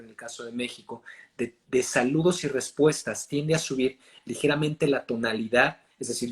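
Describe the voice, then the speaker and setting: In a casual interview, a man with a Mexican accent, a voice and acting coach, explains his craft. He speaks in an animated, lively, explanatory way, with fast shifts in pitch and loudness.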